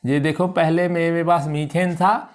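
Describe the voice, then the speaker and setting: A male chemistry teacher giving a classroom lecture. He keeps asking whether students follow and repeats key terms slowly so they can write them down. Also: on the high side, little pitch movement. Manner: checks understanding with repeated questions; calls students "beta" warmly.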